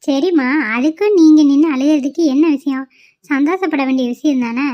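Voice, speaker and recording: A woman's voice: high-pitched, brisk, dry recording, close to an everyday voice. A woman voicing a caring, consoling middle-aged mother-in-law in a cartoon, on a dull lo-fi recording. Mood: soothing. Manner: soothing, consoling.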